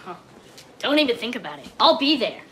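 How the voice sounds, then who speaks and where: A woman's voice: a little high, big pitch swings, a little fast, noisy background. A young woman playing an indignant, blunt teenage boy turned girl in a TV teen comedy. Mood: exasperated. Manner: exasperated, emphatic. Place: indoor film set.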